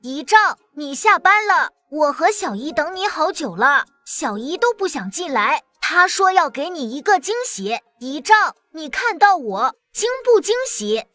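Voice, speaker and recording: A woman voicing a cheeky little boy in an animated drama, who talks in a chatty, blunt, childlike way. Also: sits high, a little slow, few pauses, exaggerated voice. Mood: chirpy. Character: small cheeky boy about to start kindergarten.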